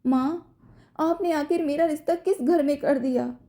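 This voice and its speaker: A woman's voice: sits high, unhurried, voice pushed up. A woman playing a defiant young wife. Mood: tearful. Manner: sharp, defiant, later tearful. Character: angry stubborn young wife.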